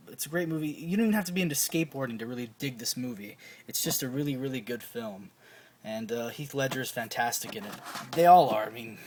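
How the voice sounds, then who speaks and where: Young male film buff, casual and profane, excitable delivery, noisy room with clicks. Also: mid-range voice. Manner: enthusiastic, swears often, repeats titles. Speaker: film collector reviewing his DVD shelf. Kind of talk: casual profane movie recommendations.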